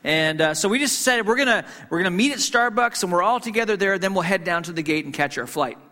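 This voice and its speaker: A man's voice: high-pitched, animated, fast, pushed and bright. A man who grew up in Hong Kong, preaching to a congregation as a pastor. He tells a story conversationally, with frequent fillers, restarts and self-deprecating humor. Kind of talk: sermon storytelling. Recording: long reverb in a hall.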